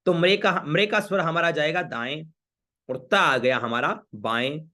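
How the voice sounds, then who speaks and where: Guy teaching vedic mantra chanting online, spells words out slow and repeats them again and again. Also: fairly high pitch, sharp tone. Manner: slow, patient, repeats each word syllable by syllable. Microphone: camera facing the viewer.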